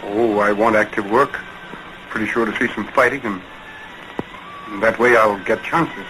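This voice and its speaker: A man's voice: on the low side, fairly even intonation, moderate pace, slight background noise, rough recording. A man playing an earnest, tormented lover in an early talkie film melodrama, speaking in a clipped, restrained way. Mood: guarded. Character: earnest, tormented man in love, about to leave. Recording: 1920s film soundtrack with loud music.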